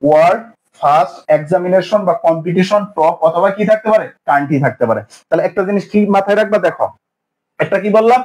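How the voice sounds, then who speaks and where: High-voiced teacher drilling grammar rules. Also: male voice, fast, a little mellow, poor audio. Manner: drills with repeated questions and answers. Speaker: English teacher. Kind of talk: exam-prep grammar lesson.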